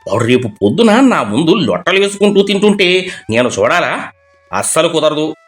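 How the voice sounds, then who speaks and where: A man's voice: on the high side, big pitch swings, normal speed. A man voicing a sneaky middle-aged neighbor who wheedles and pleads after being caught stealing. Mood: greedy scheming. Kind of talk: animated storybook voice acting.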